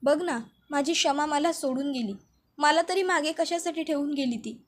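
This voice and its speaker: A woman's voice: high-pitched, normal speed, close to an everyday voice. A woman voicing a grief-stricken man, a widowed new father, pleading with frantic repetition. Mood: grieving, pleading.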